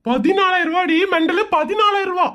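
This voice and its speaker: A woman's voice: very high voice, fairly quick, bright, forceful tone, dull audio. A woman voicing a harried village husband in a cartoon, scolding and exasperated. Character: harried village husband, grumbling about money.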